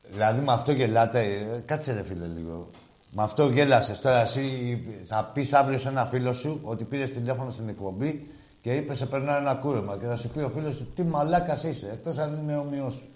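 A man's voice: medium pitch, reverberant. A man hosting a sports call-in show, trading crude, mocking banter with callers and raising his voice. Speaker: radio sports show host. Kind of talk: casual heated call-in banter.

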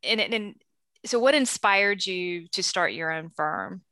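Bright-voiced woman podcast host. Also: on the low side, measured pace, no echo. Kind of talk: casual interview conversation.

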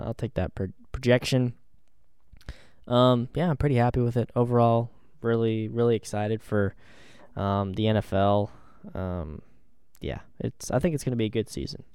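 A man's voice: fairly low pitch, normal speed, a little mellow, clean tone, dry recording, studio quality. A man co-hosting a podcast, chatting casually about football with an easygoing, hedging manner full of ums and restarts. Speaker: podcast co-host. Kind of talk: casual sports chat.

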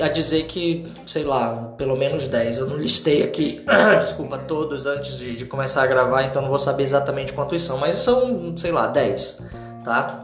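A man's voice: on the high side, fairly bright tone. Chatty man teaching in a roomy echo. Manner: chatty, tag questions, slow modelled examples. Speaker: English teacher. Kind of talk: casual spoken lesson. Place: podcast. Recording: roomy echo with faint music.

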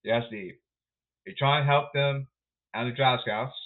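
A man's voice: mid-range voice, unhurried. A man hosting a solo sports podcast rundown, calling out in a repetitive, announcer-like way. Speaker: podcast host. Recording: tinny phone-like sound.

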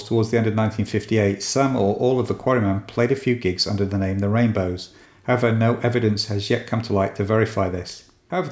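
Low-voiced man narrating a history podcast. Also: a little mellow, reverberant. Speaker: podcast host.

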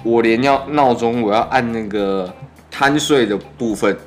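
A man's voice: medium pitch, a little slow, faint music behind. A man in his twenties with a Taiwanese Mandarin accent hosts a casual, laid-back podcast chat, his articulation slightly muffled by braces on his teeth. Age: 20s. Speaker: podcast host.

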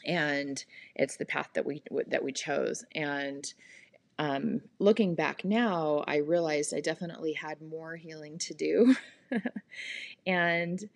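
A woman in her forties hosting a podcast, talking through personal changes in a gentle, thoughtful way with many pauses and fillers. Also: low-pitched, fairly even intonation, creaky, no echo. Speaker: podcast host. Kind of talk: reflective personal monologue.

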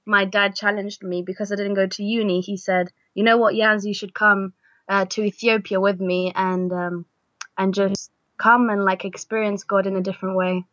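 A woman's voice: medium pitch, little pitch movement, normal speed, fairly bright tone, no echo. Young female missionary guest from Argentina, hesitant and full of fillers, dry muffled recording. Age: young adult. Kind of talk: casual interview.

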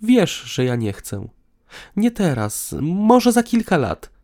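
A man doing a sharp-tongued, combative young woman. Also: high-pitched, very animated, slow, voice pushed up, exaggerated voice. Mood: lecturing. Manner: sarcastic, combative. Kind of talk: audiobook dialogue.

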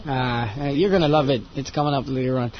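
A man's voice: mid-range voice, fast talker. A man hosting a casual chat show, reading listener messages and laughing often. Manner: chatty, laughs often, switches into Cebuano phrases. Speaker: radio show host reading listener texts. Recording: dull lo-fi audio with faint noise.

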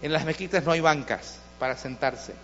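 A man's voice: fairly high pitch, normal speed, fairly bright tone, slight background noise. A male pastor preaching a sermon with passion, asking his listeners rhetorical questions. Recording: dull lo-fi sound with long hall reverb.

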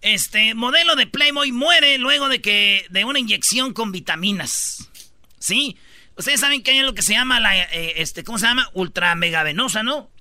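A man's voice: very high-pitched, lively intonation, moderate pace, pushed and bright, no room sound. A man with a Mexican accent hosting a comedy radio show, bantering over news items in a slangy, jokey way.

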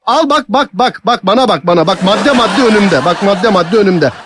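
A man's voice: sits high, animated, moderate pace, background noise. A man making a prank phone call, posing as a stern official who scolds and talks over the person he has called.

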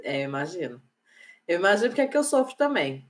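A woman with a fairly low voice hosts an interview. She sounds friendly and thankful as she closes the chat with her guest. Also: sing-song, fast. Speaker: host. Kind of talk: interview host wrapping up.

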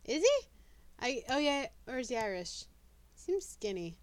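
A woman's voice: high voice, big pitch swings, a little slow, no echo. A young woman co-hosting a podcast in casual chat, reading out a ranked list and trading playful, teasing banter. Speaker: podcast co-host.

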